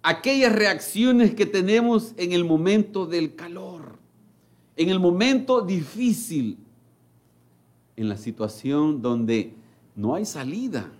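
High-voiced, slow, dramatic male preacher. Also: lively intonation. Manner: emphatic, with big swings in pitch and loudness; acts out voices of people in his stories. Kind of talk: sermon.

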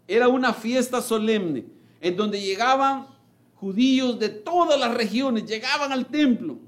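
High-voiced, slow-spoken male preacher. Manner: impassioned, swinging from loud calls to hushed remarks; addresses listeners directly as brother. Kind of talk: sermon.

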